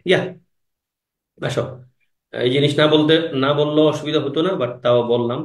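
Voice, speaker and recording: A man, teaching English grammar in an exam-prep class. He fires quick questions at the students and repeats the key words. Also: on the high side, echoey room.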